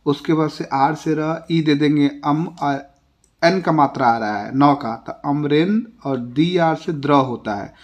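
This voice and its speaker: A male teacher with an Indian accent walks through a lesson in a slightly raised voice. He spells each word out letter by letter at a slow, patient pace. His tone falls at the close of each example. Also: fairly high pitch. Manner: ends each example with a falling tone. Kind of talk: classroom lesson.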